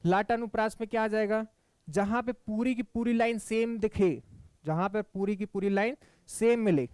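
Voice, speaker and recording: High-voiced man teaching Hindi grammar. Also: steady tone, a little mellow, smooth, no room sound. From Madhya Pradesh, India. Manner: explains step by step, often checking in with "theek hai"; recites verse examples slowly and deliberately. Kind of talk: exam-prep Hindi grammar lecture.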